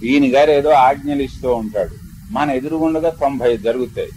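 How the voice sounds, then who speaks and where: An older man with a Telugu accent, a spiritual teacher who chants verses slowly and melodically, then explains them in a discourse. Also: mid-range voice, darkish tone, slight background noise, poor audio. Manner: explanatory storytelling lecture.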